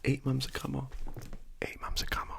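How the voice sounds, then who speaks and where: Young male ASMR creator, whispered role-play; gravelly whisper, casual and joking. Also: medium pitch, monotone, fairly quick. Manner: whispered trigger words, repeating names softly; casual, joking asides with swearing.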